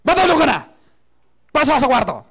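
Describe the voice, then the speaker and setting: A man's voice: fairly high pitch, lively intonation, a little fast, darkish tone, voice pushed down. Man doing a worn-out stressed dad. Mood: shouting. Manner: weary, then snapping. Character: tired stressed father, adult man.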